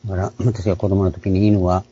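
A man with a low, very dark and husky voice gives an online Bible lecture. He explains things step by step and keeps clearing his throat. The audio is dull and lo-fi. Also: level tone, a little fast. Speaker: Bible teacher.

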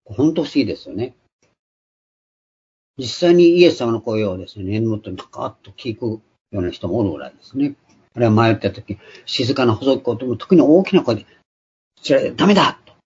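A man preaching a sermon, emphatic and shouting out quoted cries. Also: medium pitch, expressive, fairly quick, slightly rough. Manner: emphatic, raises voice sharply for quoted exclamations. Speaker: pastor. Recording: dull lo-fi recording.

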